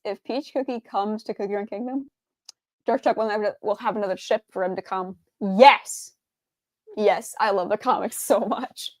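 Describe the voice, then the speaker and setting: A woman's voice: medium pitch, darkish tone, no room sound. A young adult woman streamer doing game reaction commentary, ranting in an exasperated tone and swearing freely.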